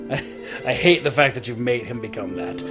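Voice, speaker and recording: A man's voice: medium pitch, normal speed. A young man hosting a let's play, explaining the game in casual, profane commentary with frequent laughs. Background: game music.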